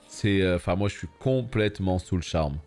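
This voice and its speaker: A man's voice: low-pitched, normal speed, darkish tone, faint music behind. A man hosting a gaming video, giving casual, chatty commentary while he plays, swearing now and then and answering viewers.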